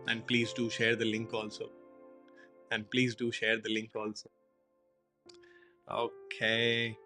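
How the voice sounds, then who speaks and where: A man hosting a live online session, his voice bright and forceful. He talks in a halting way, leaning on fillers as he checks the audio. Faint music sits behind him. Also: lowish voice, monotone. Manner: halting, with many fillers like "you know".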